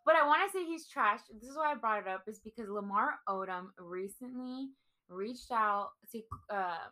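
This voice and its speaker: Young woman cohost, blunt, swears a lot, bright slightly high voice. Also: moderate pace. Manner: blunt, swears freely, opinionated. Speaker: podcast co-host. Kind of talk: casual chat.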